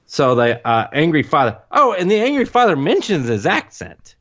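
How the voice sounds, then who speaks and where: A man with a lively, swooping voice talks casually on a podcast. He keeps acting out bits of the scenes in playful mock voices. The sound is a little dull and lo-fi. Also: fairly high pitch, normal speed. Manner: animated, acts out lines in mock voices. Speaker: podcast co-host. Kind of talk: casual chat reviewing a TV special.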